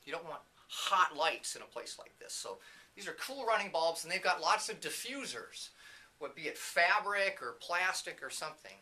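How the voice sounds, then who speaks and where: The CEO and presenter of a training company leads a tour through an indoor video production facility, talking in a bright, forceful, chatty way. His voice is a little high and sing-song, his pace moderate, and his manner relaxed and unscripted. The recording carries light background noise and room ambience.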